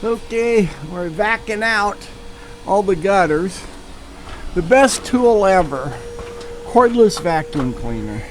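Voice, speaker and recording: Man with a high, unhurried voice, folksy vlog host walking through an outdoor repair job, noisy background. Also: expressive. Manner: folksy, down-to-earth, explains as he works. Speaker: home repair vlogger. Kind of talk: casual on-site vlog narration. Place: outdoors at a house. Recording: outdoor noise behind the voice.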